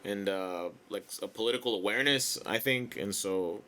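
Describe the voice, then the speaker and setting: A man's voice: lowish voice, moderate pace, sharp tone. A man from the United States co-hosting a podcast in casual chat, thinking aloud and packing his sentences with "like". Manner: reflective, heavy use of "like" fillers. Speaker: podcast co-host.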